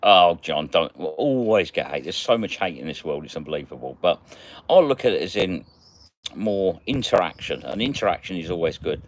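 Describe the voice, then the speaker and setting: A man's voice: low voice, big pitch swings, brisk. A man hosting a casual livestream, chatting and greeting viewers by name as he reads their comments. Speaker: magnet fishing livestream host.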